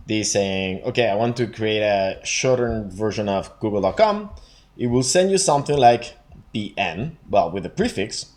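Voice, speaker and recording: A man with a fairly low voice that rises and falls a great deal, talking through code on a screencast. He is casual and thinks aloud, dropping in fillers as he goes. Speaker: programming show host.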